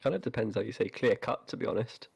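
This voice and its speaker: A man chatting casually while gaming online, blunt, teasing and quick to swear. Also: fairly low pitch, vocal fry, slightly rough, dry recording.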